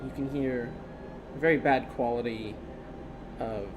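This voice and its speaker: A man narrating a tabletop game as game master, halting and pausing between short phrases. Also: medium pitch, fairly even intonation. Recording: clear background room noise.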